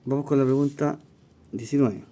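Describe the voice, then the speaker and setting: A man teaches in a very dark, mellow tone. He reads exam questions and talks through each answer. He thinks aloud and corrects his own slips. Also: medium pitch, fairly even intonation, normal speed. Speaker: language teacher. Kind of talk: exam walkthrough lesson.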